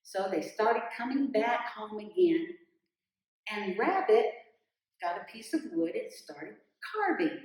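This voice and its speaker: Slow animated woman storyteller. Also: medium pitch. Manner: slow, lively, animated narration. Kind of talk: folktale storytelling. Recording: roomy echo, distant mic.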